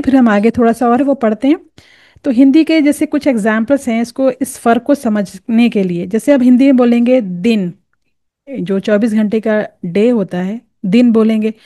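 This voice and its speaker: A woman teaching tajweed, patiently explaining and slowly drilling each letter sound. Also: on the high side, mellow, no room sound, studio quality. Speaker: Quran recitation teacher. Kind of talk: tajweed lesson.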